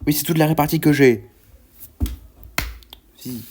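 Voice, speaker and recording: A man's voice: on the high side, unhurried, a little mellow, slightly rough. A man commentating a horror game as he plays, rambling, stammering and swearing when startled. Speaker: gaming YouTuber. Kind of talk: let's play commentary.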